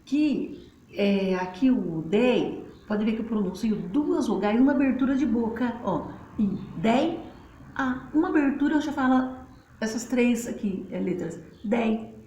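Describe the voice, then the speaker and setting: A woman's voice: on the high side, lively intonation, unhurried, dark tone, dull audio. A woman teacher, patiently explaining at a board and spelling out syllables in a chatty way. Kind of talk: casual classroom explanation. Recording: roomy, faint background noise.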